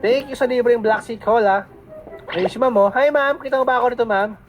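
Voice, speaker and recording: A chatty Filipino woman gives light, playful commentary while she plays, mixing Tagalog and English. Her voice sits a little above the usual female range. Game music plays clearly underneath her. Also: fairly high pitch, a little fast, dull audio. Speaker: gaming channel host.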